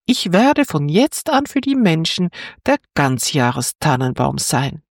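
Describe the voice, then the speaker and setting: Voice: medium pitch, very animated, measured pace, no echo, studio quality. A narrator voicing a small young fir tree in a storybook reading, eager and questioning. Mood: resolute.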